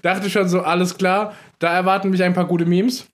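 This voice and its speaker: A man with a slightly higher voice chats casually as a podcast co-host. He jokes and banters in loose slang. The talk is recorded in a hotel room. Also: level tone, moderate pace. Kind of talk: casual chat.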